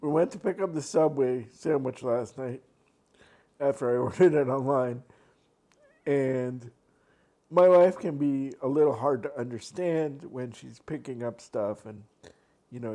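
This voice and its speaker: A man's voice: medium pitch, mellow. Rambling man chatting while eating. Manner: rambling, many fillers and restarts. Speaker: mukbang vlogger. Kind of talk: casual chat while eating. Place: home, at a desk by a laptop.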